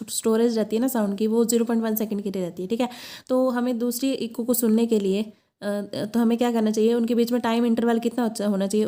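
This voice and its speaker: Woman teacher, higher pitch with a warm, mellow tone, lecturing step by step. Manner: explains step by step, asks herself questions, reads English definitions slowly. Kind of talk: classroom lecture.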